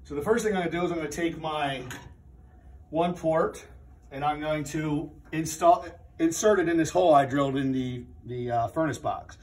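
In an indoor training room with a furnace, a middle-aged man gives a hands-on HVAC demonstration. His voice is a little high and his speed normal, and he explains step by step in plain, methodical terms with frequent restarts.

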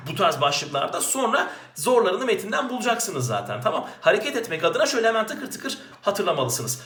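A male teacher with a high voice solves exam questions aloud and swoops all over his range. He keeps asking himself questions and then answers them at once. The sound has a clear room echo. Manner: lively, talks to himself, asks and answers his own questions. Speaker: Turkish language teacher. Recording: roomy echo.

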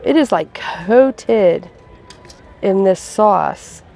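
A woman's voice: mid-range voice, expressive, very slow, vocal fry, darkish tone, faint music behind. A woman reviewing food outdoors at a festival, chatting casually with plenty of filler words. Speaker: food vlogger.

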